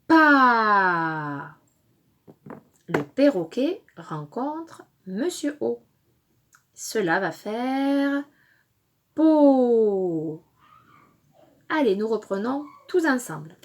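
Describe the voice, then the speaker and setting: Slow, lively-voiced woman teaching syllables. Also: fairly high pitch, husky. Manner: slow and deliberate, stressing each syllable loudly; encouraging, praising the listener. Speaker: kindergarten teacher. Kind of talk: phonics lesson for young children.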